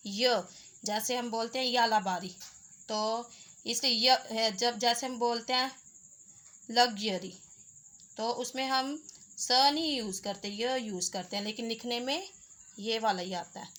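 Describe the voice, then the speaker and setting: A woman's voice: a little high, steady tone, unhurried, a bit bright. A woman teaching Urdu letters step by step, patiently sounding out each letter with its vowels. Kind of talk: slow step-by-step lesson.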